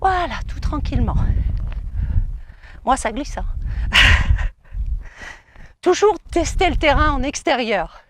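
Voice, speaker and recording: A woman's voice: high voice, lively intonation, moderate pace, long pauses, a little hiss or hum. A woman fitness coach guiding a cardio workout outdoors, giving encouraging, coaxing cues and counting down. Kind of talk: guided cardio workout instruction.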